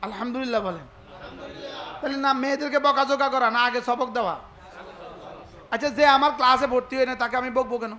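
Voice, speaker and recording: A man's voice: extremely high pitch, a little fast, long pauses, bright, forceful tone. A man preaching a sermon, asking the crowd rhetorical questions and acting out dialogues. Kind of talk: Islamic sermon (waz).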